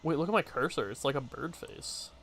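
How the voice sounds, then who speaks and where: A man's voice: fairly high pitch, expressive, fairly quick, a bit bright, slight background noise. A man giving casual let's play commentary, musing aloud in short reactions as he plays. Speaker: gamer playing and reacting to a story game.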